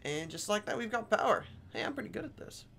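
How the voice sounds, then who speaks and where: A man's voice: sits high, lively intonation, quick pace, gravelly, a bit bright, slight background noise. A man casually commenting as he plays a game, muttering self-deprecating asides. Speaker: game streamer.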